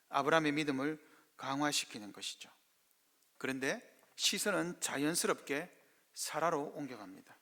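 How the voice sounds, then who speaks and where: A man's voice: high voice, bright, forceful tone. A male pastor with a Gyeongsang Korean accent preaching a sermon, pressing the congregation with rhetorical questions and acting out biblical speakers. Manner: acts out biblical speakers in dramatic voices. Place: church sanctuary. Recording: echoey church hall.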